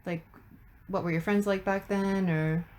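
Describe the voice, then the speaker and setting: A woman's voice: mid-range voice, steady tone, measured pace, a little mellow, a little hiss or hum. Young woman interviewing, tentative and filler-heavy. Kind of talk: student oral history interview.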